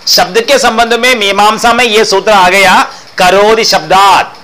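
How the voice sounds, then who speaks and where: Bright high-voiced man lecturing. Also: fairly even intonation, measured pace, poor audio. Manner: repeats phrases, asks rhetorical questions. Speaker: philosophy teacher. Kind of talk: explanatory discourse lecture.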